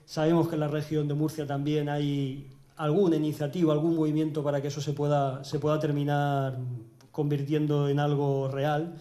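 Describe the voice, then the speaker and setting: A man introducing a speaker at a conference, unhurried, with filler pauses. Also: fairly high pitch, monotone, dark tone. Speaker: event presenter. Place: public conference hall.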